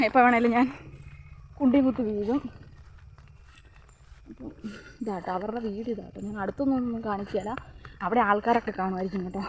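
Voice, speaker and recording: A woman's voice: on the high side, slight background noise. A woman talking casually to her viewers while walking outdoors on a rural plantation, recorded on a handheld phone. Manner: chatty, addresses viewers often. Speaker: vlogger. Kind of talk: casual walk-and-talk vlog.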